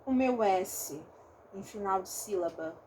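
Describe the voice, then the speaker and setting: Slow and mellow, this medium-pitched woman's voice carries a little hiss or hum. She teaches phonetics in a recorded online lesson with a Rio de Janeiro accent, going step by step and frequently checking in with her students.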